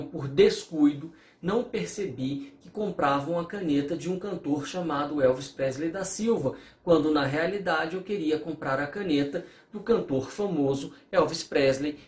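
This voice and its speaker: A man's voice: a little high, darkish tone, roomy sound. A man teaching a recorded law lecture, explaining through worked examples and acting out bits of quoted dialogue. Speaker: law professor.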